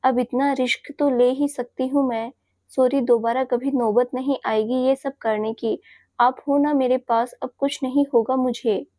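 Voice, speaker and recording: A playful young woman, lovestruck and teasing, as the storyteller voices her. Her speech is sweet and coaxing, a little high, and dry and close with no echo. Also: fairly even intonation, a little slow, dark tone. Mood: pleading.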